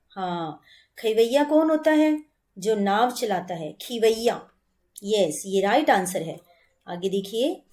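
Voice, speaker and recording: Woman, teacher, children's lesson, slow deliberate pace, slightly high voice, asks then answers own questions. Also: darkish tone. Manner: slow, patient, drawn-out word modelling. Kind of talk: online class revision lesson for children.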